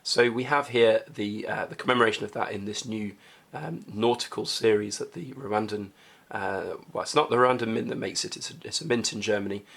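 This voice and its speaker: A man with a hoarse voice from a cold, hosting a casual coin review vlog and talking chattily with many hesitations. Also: lowish voice, fairly quick, fairly bright tone. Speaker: coin collecting channel host.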